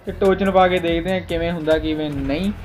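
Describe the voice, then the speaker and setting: A man's voice: on the high side, steady tone, fast talker. A young man gives casual, bantering gameplay commentary, exclaiming and repeating short phrases. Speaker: gaming video creator. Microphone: voice-over recorded over gameplay. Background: music.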